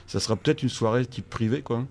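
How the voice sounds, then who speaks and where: A man's voice: medium pitch, fast, gravelly, darkish tone, a little hiss or hum. A man hosting a casual radio chat, hesitant and full of fillers, in a studio. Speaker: radio host.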